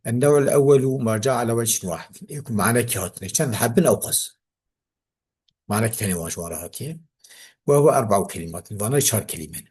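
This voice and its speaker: A man's voice: mid-range voice, animated, fast, a little mellow, breathy edge. A man with a Kurdish accent teaching a classical grammar text, reading it aloud and then explaining it.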